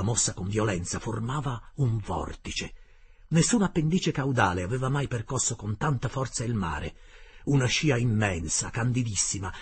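A man reading a classic adventure novel aloud as an expressive first-person audiobook narrator. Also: mid-range voice, husky.

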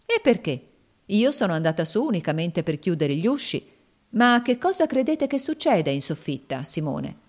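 A woman's voice: fairly low pitch, sing-song, moderate pace. A woman voicing a cold, mocking woman who taunts her master in a dramatic audiobook reading. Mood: cool scorn. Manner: scornful, sneering.

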